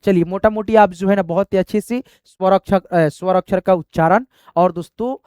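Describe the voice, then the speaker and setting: A patient male teacher explains a lesson slowly and step by step, returning again and again to the same point. He keeps checking that his students follow with short tag questions. The sound is dry, with no room echo. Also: high-pitched, a little mellow, clean tone. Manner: patient, repetitive, often addresses listeners as friends. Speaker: Hindi and English teacher.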